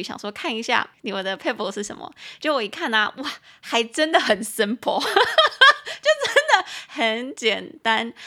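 A young woman with a Taiwanese Mandarin accent hosting a casual podcast English lesson, cheerful and giggly, slowing down to spell words out letter by letter. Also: a little high, a bit bright. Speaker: podcast host and English teacher. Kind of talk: casual bilingual language lesson.

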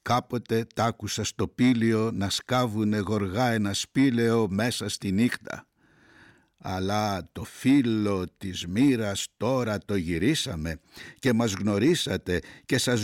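A man with a low voice reads poetry aloud, slow and grave, letting each short phrase settle before the next. The sound is dry and close, with no room around it. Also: darkish tone, no room sound. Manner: slow, grave, deliberate phrasing with long pauses. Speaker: poetry reader. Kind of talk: measured poetry reading.

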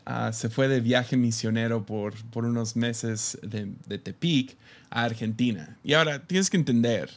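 A Mexican man talking casually to his church, his voice sitting at an ordinary middle pitch. He chuckles often and keeps stumbling into fillers and restarts as he thinks aloud, giving the talk an easy, chatty flow. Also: a little slow.

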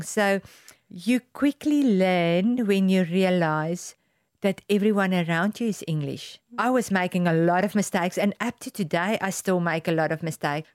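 A woman's voice: fairly low pitch, dry recording, studio quality. A middle-aged woman from South Africa, native Afrikaans speaker with a strong Afrikaans accent, telling her story candidly as an interview guest. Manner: animated, candid, non-native grammar. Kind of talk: conversational storytelling.

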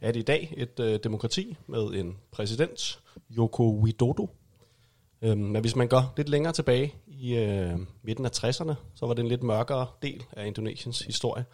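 A man giving a casual history overview in a chat, pausing with many fillers. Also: mid-range voice, a little mellow. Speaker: co-presenter.

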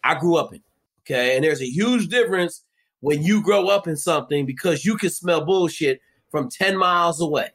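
A man who coaches football, telling stories as a guest in a profane, punchy, animated way. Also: fairly high pitch, moderate pace, husky. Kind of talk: casual storytelling.

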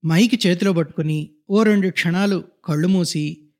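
High-voiced man narrating a story. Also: darkish tone. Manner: measured, descriptive reading.

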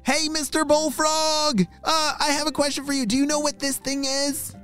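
Man doing a squeaky excited little frog. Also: moderate pace. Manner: high and eager, wide-eyed. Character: excitable young male spring peeper frog. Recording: faint music behind.

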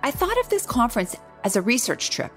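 A woman hosts a podcast and narrates from a script. Her pitch moves a lot and her delivery is wry. Faint music plays underneath. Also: huge pitch swings, fairly quick, fairly bright tone. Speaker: podcast host.

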